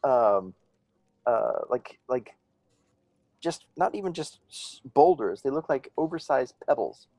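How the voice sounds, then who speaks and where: Game master, man; rambling, hesitant delivery, animated pitch, dry close sound. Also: takes it slowly, no room sound. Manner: rambling, hesitant, many fillers. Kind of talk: narrating a tabletop game.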